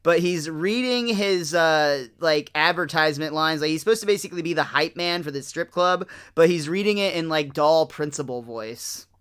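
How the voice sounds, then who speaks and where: A man's voice: fairly high pitch, moderate pace, few pauses, fairly bright tone, smooth. A man co-hosting a casual podcast recap, talking in an informal, slangy way. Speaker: podcast co-host. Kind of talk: casual episode recap commentary.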